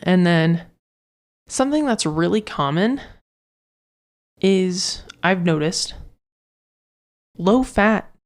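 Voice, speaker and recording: A woman's voice: fairly low pitch, expressive, slow, long pauses. A woman hosting her own fitness podcast, talking casually and rambling with lots of fillers and restarts. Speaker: fitness coach podcast host. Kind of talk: casual solo podcast talk.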